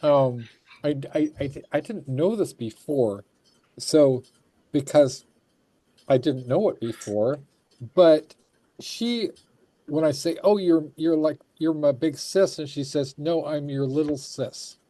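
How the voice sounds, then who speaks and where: Mellow, effusive man hosting a chat show. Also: on the high side, slow pace, no echo, poor audio. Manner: effusive, rambling, repeats phrases. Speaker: show host. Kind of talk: casual chat.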